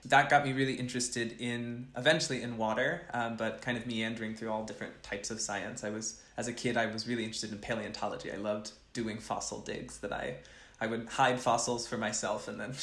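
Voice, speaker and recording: A young man answers interview questions with earnest, thoughtful care, often circling back to restart a sentence. His voice sits at an ordinary middle pitch. The room around him is noticeably echoey. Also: a bit bright. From grew up between West Africa and the US East Coast. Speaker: chemical engineering professor, guest.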